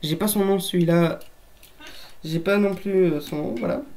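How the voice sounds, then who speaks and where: A woman's voice: fairly low pitch, moderate pace, mellow, a little hiss or hum. A woman vlogger in a casual show-and-tell to camera, chatty and joking, talking to viewers as friends in a room at home. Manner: chatty, addresses viewers as friends, jokey asides. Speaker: toy collector vlogger. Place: room at home with a shelf of toys.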